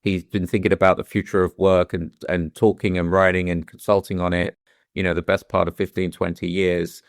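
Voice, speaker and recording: A middle-aged, London-raised man with a British accent and a deep, level voice speaks a little fast as an interview guest. He's candid and reflective, often restarting sentences and dropping "you know," in a clean studio recording with no room sound.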